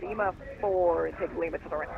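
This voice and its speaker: Man, ground controller, tinny radio with dropouts, fast flat delivery, noisy line. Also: on the high side, vocal fry. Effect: choppy audio dropouts, sound cutting in and out. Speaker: ground air traffic controller. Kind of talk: clipped radio phraseology.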